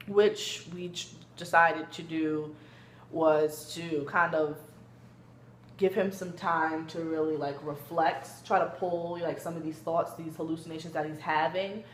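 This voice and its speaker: A woman playing a gentle therapist in an amateur role-play, talking conversationally and hedging often as she explains. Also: low voice, fairly even intonation, a little slow. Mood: calm, explaining. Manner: hesitant, hedging with frequent kinda and you know. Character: gentle female therapist leading a family session. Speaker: student clinician in a role play. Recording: echoey room with background noise.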